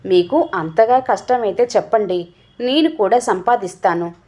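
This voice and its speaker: A woman's voice: medium pitch, animated, moderate pace, warm tone, lightly acted. A woman voicing a timid, hurt young wife who pleads hesitantly.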